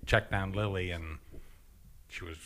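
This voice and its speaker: A man's voice: deep voice, fairly even intonation, a little slow, very noisy. A man, talking casually in a group chat.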